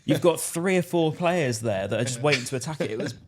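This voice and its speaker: A man's voice: medium pitch, animated, fast talker, darkish tone, a little hiss or hum. A man hosting a casual football chat, talking in long rambling stretches full of restarts. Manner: chatty, rambling, lots of restarts and "you know". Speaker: podcast host.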